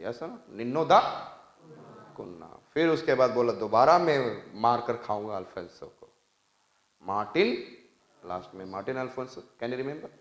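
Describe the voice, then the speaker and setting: A man with an Indian English accent teaches an exam coaching class, speaking emphatically, quizzing students, and asking them to repeat after him while mixing English and Hindi. His voice is medium-pitched, and the rough recording sounds roomy.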